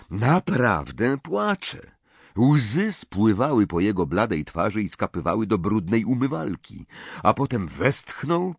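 A man narrating an audiobook in an expressive, tense storytelling manner. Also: fairly low pitch, husky, dry recording.

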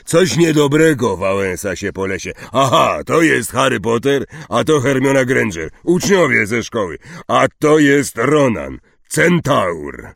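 A man voicing Hagrid, a big, gruff gamekeeper who talks loudly and impatiently. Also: medium pitch, very animated, a little slow, few pauses, dry recording, clean studio sound, pitched above the performer's own voice, heavily acted. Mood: blustery. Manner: loud, blustery, impatient.

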